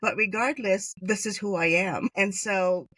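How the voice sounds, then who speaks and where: A woman's voice: medium pitch, fairly even intonation, measured pace, fairly bright tone, no echo. A middle-aged woman from Hawaii, a podcast guest chatting through personal stories with many fillers. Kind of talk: conversational storytelling interview.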